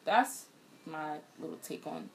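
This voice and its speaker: A young woman co-hosting a podcast, giving relaxed, thoughtful relationship views in casual chat. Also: low-pitched, takes it slowly, gravelly, a little hiss or hum. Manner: relaxed, reflective advice-giving. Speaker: podcast co-host.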